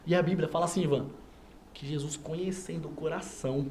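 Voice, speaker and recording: A man tells his story as a studio guest, voice pitched a touch high for a man. He acts out each person's lines as he goes, with a faint hiss behind him. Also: steady tone, a little fast, darkish tone. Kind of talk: animated personal testimony.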